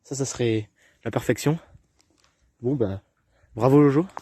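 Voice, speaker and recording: A young man, a hunter filming his outing, talking in a slangy, excitable, chatty way while out in open fields. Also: medium pitch, measured pace. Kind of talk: casual outdoor vlog commentary. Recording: loud outdoor noise on a camera mic.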